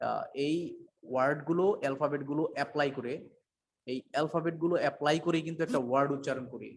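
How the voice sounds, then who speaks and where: A man giving an unscripted English pronunciation lesson, mixing two languages, pausing often with fillers and correcting himself. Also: medium pitch, a little hiss or hum. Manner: hesitant, many fillers and self-corrections. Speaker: English teacher.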